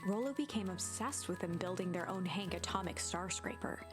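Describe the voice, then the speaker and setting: A woman's voice: lowish voice, fairly quick, close to an everyday voice. A woman reading scripted storybook narration for a video game. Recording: music behind the voice. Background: game music.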